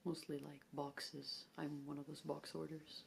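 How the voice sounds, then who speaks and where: A young woman with a low, slightly gravelly voice chats to her camera at home in a rambling, self-deprecating way, giggling often. English is not her first language, and faint background noise sits under the camera mic. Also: flat delivery, measured pace. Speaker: vlogger. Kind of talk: casual chat to camera. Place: home, sitting at a low table.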